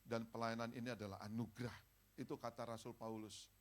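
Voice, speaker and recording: A male pastor preaching at a church service. He talks directly to the congregation and swings between loud calls and soft, pleading passages. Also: medium pitch, level tone, fairly quick. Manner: conversational, speaks directly to the congregation. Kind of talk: sermon.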